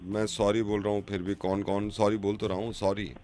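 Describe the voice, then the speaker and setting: A man's voice: lowish voice, little pitch movement, brisk, darkish tone, faint music behind. A male radio host making a prank phone call, stubbornly insistent and repeating himself with mock innocence.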